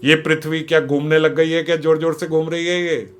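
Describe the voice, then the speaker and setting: A man voicing a playful, tipsy young divine woman in a devotional tale, speaking more softly and lower than his usual voice. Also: level tone, brisk, slight background noise, lightly acted. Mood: giddy alarm.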